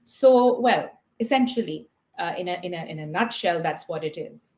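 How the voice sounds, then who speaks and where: A woman's voice: lowish voice, animated, moderate pace, darkish tone, reverberant. A woman from Pakistan, a guest art therapist on a video call, explaining her work thoughtfully and step by step, with many fillers along the way. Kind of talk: explanatory interview talk.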